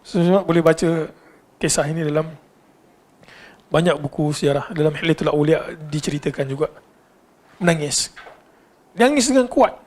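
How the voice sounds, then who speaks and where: A man with a Malaysian Malay accent giving a religious lecture, telling a story in an animated way and asking his listeners questions as he goes. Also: high voice.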